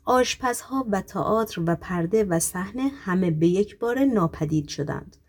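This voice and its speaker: A woman reads a novel aloud in a measured, steady voice, with a mid-range pitch. Her delivery is even and clear. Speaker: audiobook narrator. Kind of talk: scripted narration.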